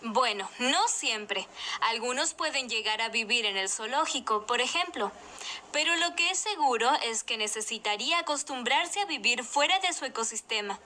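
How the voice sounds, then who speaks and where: Bright, high-voiced explainer for children. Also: female voice, expressive, moderate pace, a little hiss or hum. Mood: patient, explanatory. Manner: explanatory, clearly phrased. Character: knowledgeable woman explaining nature to a child. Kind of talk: scripted educational video dialogue.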